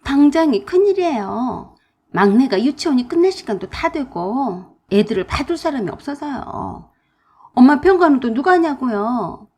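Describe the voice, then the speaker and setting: Woman playing a shrill, whiny sister-in-law. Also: very animated, a little mellow, slightly rough, exaggerated voice. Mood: pleading, whiny. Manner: whiny, demanding, quick to flare. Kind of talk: radio drama acting.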